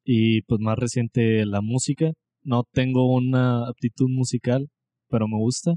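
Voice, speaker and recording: A young man from Monterrey, talking at an easy middle pitch. He rambles casually and pokes fun at himself as a podcast co-host. His voice is close and dry, with no room sound. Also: a little slow, no room sound. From Mexico (Monterrey). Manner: relaxed, rambling, self-deprecating. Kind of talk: casual chat.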